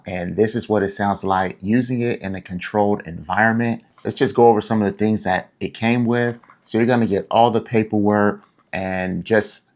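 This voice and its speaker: A man casually reviewing a product and chatting to his viewers, recorded on a wireless clip-on mic with AI noise cancellation on, in a room with the air conditioning running. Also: fairly low pitch. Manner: casual and chummy, calls viewers "fam" and "y'all". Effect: AI noise cancellation processing on the voice.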